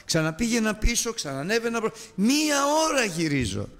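A flustered man, voice pitched high with exasperation, complains that he has been lost for an hour. A preacher puts him on in a retelling. The sound carries a long hall echo. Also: sing-song. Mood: bewildered.

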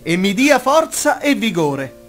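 A man voicing a boastful, cheerful little male tailor in a fairy-tale reading, talking in a bright, excited and cocky way. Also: sits high, unhurried, soft background music, voice pushed up, full character voice.

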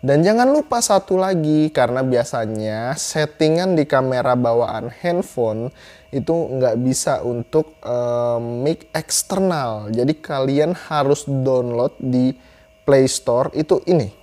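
Young adult male, chatty YouTuber reviewer, mid-pitched, repeats phrases for emphasis, clip-on mic. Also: animated, takes it slowly, mellow. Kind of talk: casual product review to camera. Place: small room indoors. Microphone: clip-on lapel mic.

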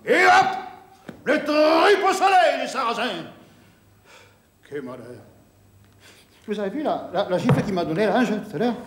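A man playing a proud aging father whose honor has been wounded. He is grandiloquent and swings between shouting and mumbling. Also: high voice, very animated, measured pace, pauses often, reverberant, full character voice. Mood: indignant. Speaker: sitcom actor playing a father in a stage parody. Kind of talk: theatrical comic acting.

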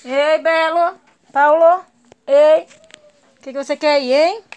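A woman's voice: sits high, steady tone, slow. A Brazilian woman in a home vlog, doting on her pet dogs in sing-song baby talk. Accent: Brazilian Portuguese. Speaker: vlogger.

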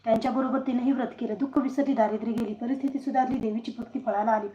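A woman narrates a devotional tale in a steady, rhythmic storytelling manner. Her voice sits fairly high and rings in a roomy space. Faint noise runs behind. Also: rapid-fire, muffled recording.

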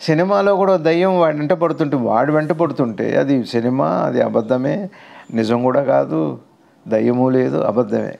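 A man with a gravelly, creaky voice gives a spiritual teaching in the form of a conversation. He explains patiently and asks rhetorical questions. His voice sits at a middling pitch. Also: a little fast, darkish tone, highs cut off.

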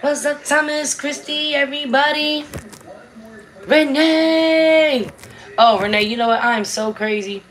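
While cooking in her home kitchen, a woman runs a livestream and talks chattily into a tablet set close on the counter, welcoming viewers by name. Her voice is high, a bit bright and raspy, with an unhurried drawl.

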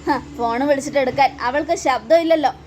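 A woman's voice: high voice, fast talker, darkish tone, slight background noise, close to an everyday voice. A woman voicing an angry, suspicious young man who demands answers in an accusing way.

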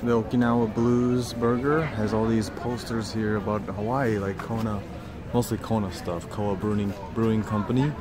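A man's voice: fairly low pitch, level tone, moderate pace. A man in his thirties vlogging casually from a phone held at arm's length as he walks through a market and streets, playful and chatty. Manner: playful, chatty, jokey asides. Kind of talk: casual travel vlog chat. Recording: loud street and traffic noise.

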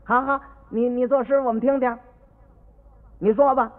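A man voicing indignant, bossy household stewards who talk loud and fast, heard on an old radio recording with long reverb. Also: very high-pitched, fairly even intonation, phone-quality sound, pitched above the performer's own voice.

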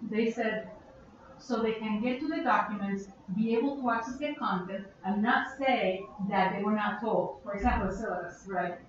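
A woman giving a live workshop presentation, chatty and quick to ask the audience questions. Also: mid-range voice, slight background noise. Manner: chatty, asks audience questions, laughs often. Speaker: conference presenter. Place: conference room. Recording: echoey, muffled room recording.

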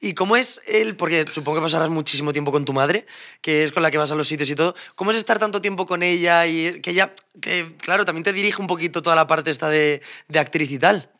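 High bright-voiced male host. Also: quick pace. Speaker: show host. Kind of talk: casual interview chat.

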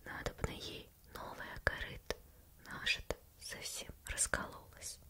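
A woman's voice: unhurried, pushed and bright. Whispered role-play, woman acting an old henpecked fisherman, fairy tale, meek, weary, pleading. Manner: pleading, deferential.

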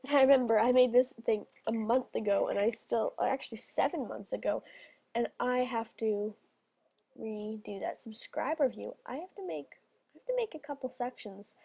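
A teenage girl hosting a casual video, chatting bubbly and quick while reading out game messages. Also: on the high side, vocal fry, dark tone, slightly rough, no room sound. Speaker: channel host.

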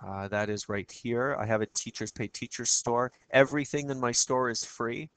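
A man with a froggy, croaky voice giving a casual screencast tutorial as a teacher, chatting through each step and often checking in with "okay?". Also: medium pitch, moderate pace, fairly bright tone, no echo.

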